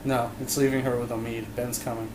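A man's voice: medium pitch, brisk, background noise. Sarcastic guy reacting to a game. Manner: sarcastic, swearing, excitable. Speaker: let's play commentator. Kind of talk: casual gaming commentary.

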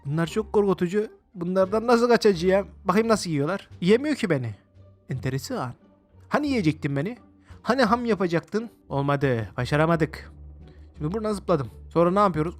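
A man with a high voice gives running commentary on a video game he is playing. He talks to his viewers, exclaims often and reacts loudly to everything on screen. Faint game music plays under his voice. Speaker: gaming video host. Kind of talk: let's-play game commentary.

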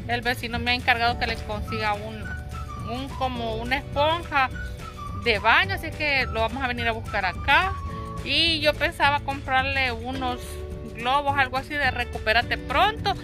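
High-voiced Salvadoran woman vlogging casually. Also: moderate pace, over music. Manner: conversational, addresses viewers as little friends. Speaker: vlog host. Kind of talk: casual chatty shopping vlog. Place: outside storefronts, then inside a large discount store. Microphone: handheld phone at arm's length.

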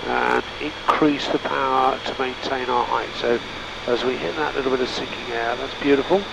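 A man working as a flight instructor, giving calm, encouraging instructions over an aircraft intercom headset. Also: medium pitch, moderate pace, vocal fry, very noisy. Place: small light aircraft cockpit in flight. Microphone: headset boom microphone.

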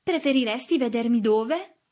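A woman reading an audiobook, voicing a spoiled, imperious young girl who talks high and insistent. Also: animated, moderate pace.

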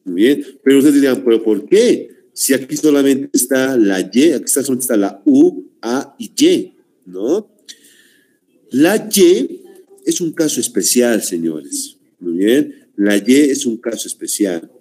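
A man's voice: mid-range voice, animated, measured pace, dark tone. A man teaching a language class, stressing and repeating his points while addressing the students as "señores.". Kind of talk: online class lecture.

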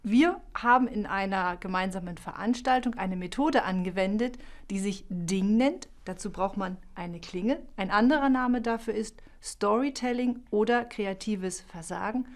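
A middle-aged woman, a university lecturer, speaking calmly in a scripted video trailer, recorded in a studio on a lapel mic. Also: mid-range voice, normal speed, few pauses. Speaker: linguistics lecturer, keynote speaker.

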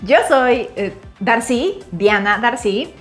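A woman's voice: fairly high pitch, slow pace. Woman, 30s, Mexico City accent, upbeat co-host, lapel mic, light music under. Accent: Mexican Spanish. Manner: cheerful, laughs often. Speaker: co-host, Spanish teacher. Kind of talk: casual bilingual chat. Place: home kitchen.

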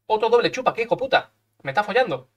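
Give me a man doing rowdy live game commentary, muttering low and then shouting. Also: fast talker, a little hiss or hum. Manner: swears a lot, chants and shouts at the game; swings from quiet muttering to loud excited yelling. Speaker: streamer.

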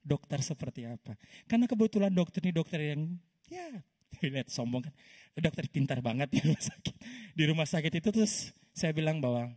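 A man with a slightly high, husky voice preaches to a congregation at a church service. He tells a personal testimony in a lively storytelling way and keeps turning to his listeners by name. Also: a little fast. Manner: lively storytelling that often calls the congregation "saudara". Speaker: pastor.

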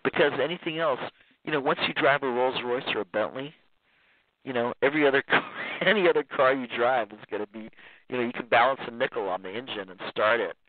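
A man's voice: mid-range voice, quick pace, no echo. A man guest talking in a rambling way with many restarts and frequent laughs. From Iran. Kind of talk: casual interview talk. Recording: tinny phone line.

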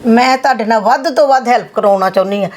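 A woman's voice: a little high, fast. A middle-aged woman playing a reassuring mother-in-law in a scripted family skit. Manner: warm, reassuring, calls her "son".

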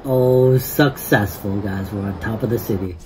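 A man giving casual live commentary on his own gameplay as a YouTuber, excitable, swinging between hushed muttering and yelling, and saying "guys" constantly. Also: on the low side, normal speed, background noise. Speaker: gaming YouTuber. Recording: game music behind the voice.

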